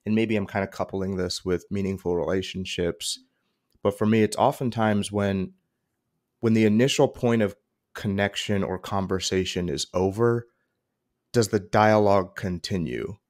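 Thoughtful low-voiced man, podcast guest. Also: moderate pace, a little mellow. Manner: thoughtful, hedging, with many ums. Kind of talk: casual interview chat.

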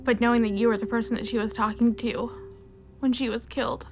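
A young woman in a living room giving a grieving, steady documentary testimony. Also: on the high side, fairly quick. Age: young adult. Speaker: interviewee. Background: guitar music.

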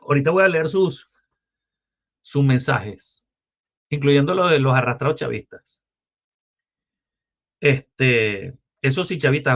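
A Venezuelan man with a Venezuelan accent rants on his livestream, crude and mocking as he rambles from one jab to the next. His voice sits on the higher side for a man. The audio is dull and lo-fi, like a muffled stream. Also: a bit bright, breathy edge. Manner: foul-mouthed, mocking, loose and rambling. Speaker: livestream host. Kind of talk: crude political livestream rant.

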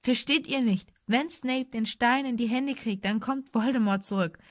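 A woman's voice: on the high side, normal speed, no room sound, pitched above the performer's own voice, close to an everyday voice. A woman voicing a brave, desperate young schoolboy wizard who talks urgently and pleadingly. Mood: impassioned.

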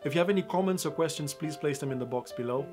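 A man's voice: on the high side, fast, over music. A young man presenting a film review to camera in an upbeat, emphatic way, speaking straight to his viewers.

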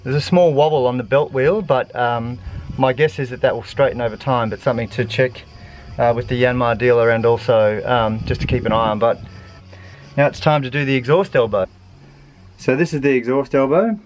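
A man's voice: mid-range voice, a little fast. Man casually explaining boat engine repairs. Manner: relaxed, matter-of-fact, hesitant with ums. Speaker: sailing vlogger. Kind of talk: casual how-to narration. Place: aboard a sailboat, engine bay and deck outdoors. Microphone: handheld action camera.

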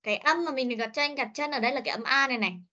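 Her high-pitched voice comes rapid-fire, bright and forceful as this woman teaches English pronunciation online, repeating every sound and word several times. The recording has the muffled quality of a video-call meeting.

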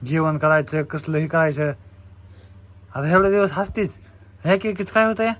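A young man speaks, and his voice sits high and bright. He coaxes gently, asking the same questions over and over. It is casual home-vlog talk. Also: moderate pace, highs cut off. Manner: gently coaxing, asks again and again. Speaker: husband and vlogger.

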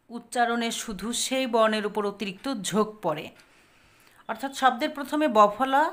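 A woman teacher giving a grammar lesson on pronunciation, repeating example words slowly and answering her own questions. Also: on the high side.

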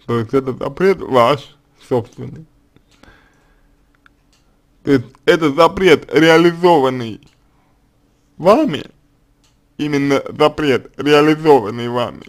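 A man answering a reader's letter as a psychologist, in a halting, deliberate monologue full of fillers and restarts. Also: a little high. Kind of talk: slow consulting monologue.

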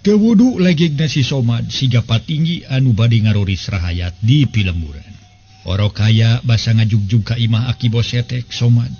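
This show host is an elderly man in his 70s narrating a folk serial story conversationally, with a dark, mid-range voice at a moderate pace. A close desk microphone picks him up, and the recording sounds slightly dull with faint noise.

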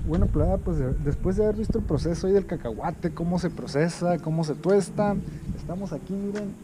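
A man's voice: high voice, fairly quick, noisy background. A man vlogging casually outdoors in a village, talking in a slangy, laid-back way. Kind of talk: casual travel vlog.

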